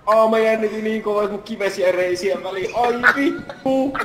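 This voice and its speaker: A man's voice: sits high, little pitch movement. A man chatting casually with friends during a game, making laid-back jokes. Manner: joking, laid-back remarks. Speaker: gaming friend on voice chat. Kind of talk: casual gaming banter. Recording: echoey and very noisy.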